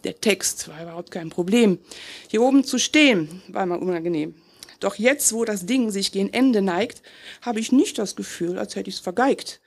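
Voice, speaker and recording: A woman's voice: medium pitch, normal speed, breathy edge. A woman performing her own rhymed poem on a festival stage, with a rhythmic, self-mocking delivery. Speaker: slam poet. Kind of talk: rhymed poetry slam performance.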